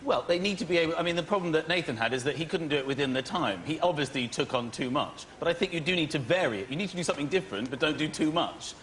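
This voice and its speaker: A man's voice: a little high, lively intonation, fast talker, hardly any pauses. A British man in his thirties, a talent show judge, chatting on live TV in a rambling, flustered way with restarts. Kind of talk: live TV panel banter. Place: TV studio with live audience. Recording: loud audience and studio noise.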